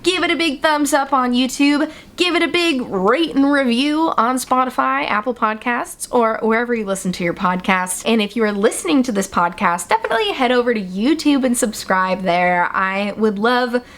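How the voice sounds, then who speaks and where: A woman's voice: a little high, animated, normal speed, few pauses, fairly bright tone. A young adult woman hosting a solo podcast, talking in a chatty, playful way with lots of fillers. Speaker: podcast host.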